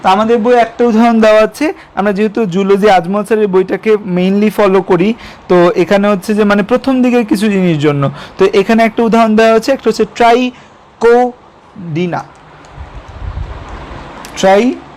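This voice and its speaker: A man's voice: sits high, quick pace, darkish tone. A young man teaching a biology lesson online, asking questions and answering them himself, mixing in English terms. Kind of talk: online lecture.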